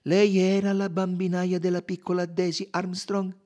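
A man reading an audiobook and voicing a fussy, gentle middle-aged detective in a high, precise, coaxing voice. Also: flat delivery, moderate pace, lightly acted. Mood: soothing.

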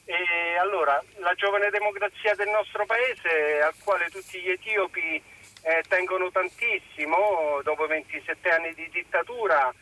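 A man's voice: high-pitched, steady tone, pushed and bright. Earnest man calling in by phone. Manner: polite, earnest, halting with fillers. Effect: voice heard over a phone line on a radio call-in. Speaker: radio phone-in caller. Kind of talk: formal phone-in appeal.

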